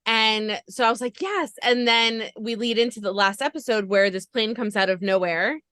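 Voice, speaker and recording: A woman's voice: a little high, steady tone, normal speed, a bit bright, smooth, no room sound. A woman podcast interviewer recapping a show with gushing enthusiasm in long run-on stretches.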